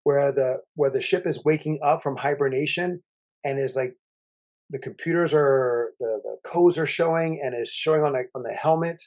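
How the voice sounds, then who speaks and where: A man co-hosting a casual movie review chat, rambling and animated, with many restarts. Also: medium pitch, normal speed. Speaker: podcast co-host.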